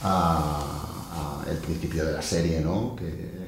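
A man's voice: rumbling low, fairly even intonation, takes it slowly, creaky, very echoey, a little hiss or hum. A man from Barcelona, an actor, speaking thoughtfully in an interview and often ending with tag questions. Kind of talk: casual interview talk.

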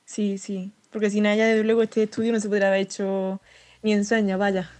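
A woman researcher as an interview guest, reporting what others told her in a steady flow. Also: medium pitch. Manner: reports others' views in a level, rapid flow. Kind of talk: conversational interview.

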